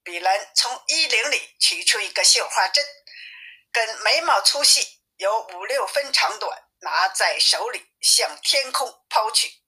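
A woman reading a classic tale aloud as a storyteller, in a plain, even manner. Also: fairly high pitch, unhurried, husky.

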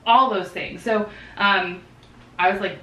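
A woman's voice: medium pitch, steady tone, slow pace, sharp tone. A woman co-hosting a podcast, explaining statistics terms in casual chat with frequent fillers and easy laughs. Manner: chatty, laughs easily, many fillers. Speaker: podcast co-host. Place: living room with dog present. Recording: roomy echo, distant mic, faint background.

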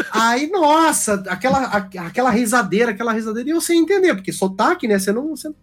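Brief high-voiced Brazilian storyteller man. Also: a little fast, faint music behind. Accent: Brazilian countryside, strong rolled R. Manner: animated storyteller, acts out quoted lines. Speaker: podcast guest. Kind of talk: casual chat.

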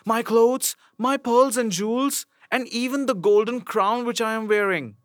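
A spoiled, fickle young princess from a read-aloud fairy tale, as a male narrator puts her on. The voice sits high and bright with a pleading, girlish lilt. It sounds close and dry. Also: unhurried, no echo.

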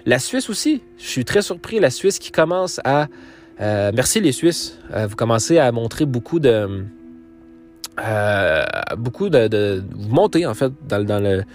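A Quebec French man rambles through the end of his solo podcast, his voice medium in pitch and darkish in tone. He leans heavily on fillers and keeps restarting.

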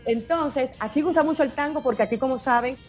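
Chatty Cuban woman, higher voice. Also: fast talker, faint music behind. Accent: eastern Cuban Spanish. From eastern Cuba. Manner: chatty and expressive, laughing often. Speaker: singer, interview guest. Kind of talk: casual radio interview chat.

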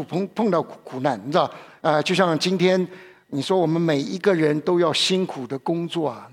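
A male preacher delivers a sermon in a loose, conversational manner. His voice sits a little high and has a breathy, husky grain. He circles back over his phrases and keeps asking his listeners questions. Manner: conversational, repeats himself and asks the listeners questions.

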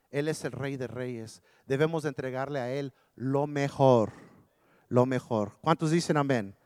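A man preaching a sermon, drawing call-and-response from the congregation, swinging between loud outbursts and hushed lines. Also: medium pitch, no echo, clean studio sound. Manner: call-and-response, switching between Spanish and English, shouting and hushing. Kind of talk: bilingual sermon.

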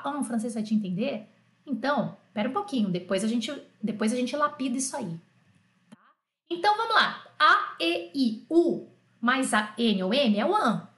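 A woman's voice: high voice, fairly bright tone, roomy sound. Chatty Brazilian woman teaching French. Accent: Brazilian Portuguese. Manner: chatty, joking, addresses learners directly. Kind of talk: live online language lesson.

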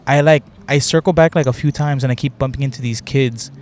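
A man's voice: mid-range voice, fairly even intonation, brisk, a little mellow. A young man hosting a podcast, casually telling a long story, swearing a lot and filling his talk with "like". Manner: rambling, swears often, many "like" fillers. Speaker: podcast host.

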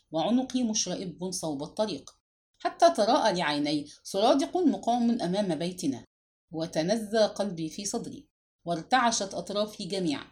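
A woman narrating a literary novel as an audiobook, reading in a formal, expressive way. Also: medium pitch.

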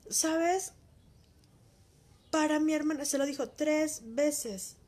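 A woman's voice: high-pitched, takes it slowly, darkish tone. A woman sharing a heartfelt personal faith testimony, talking in an emotional, intimate way straight to the listener.

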